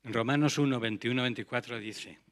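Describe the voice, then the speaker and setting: A man's voice: medium pitch, normal speed, a bit bright. Earnest male preacher. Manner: earnest, rhetorical questions to the congregation. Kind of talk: sermon.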